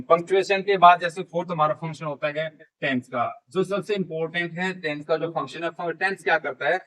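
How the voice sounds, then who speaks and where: A man teaching a grammar lesson, explaining in Hindi mixed with terms and speaking. He asks and answers his own questions and slowly dictates key phrases word by word. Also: fairly high pitch, fairly bright tone, poor audio.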